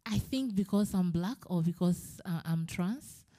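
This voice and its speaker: Brief: woman from Ghana, panel guest, mellow and relaxed timbre, earnest with restarts. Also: on the low side. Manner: earnest, personal, halting with restarts. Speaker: panel speaker. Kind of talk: panel discussion. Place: conference room.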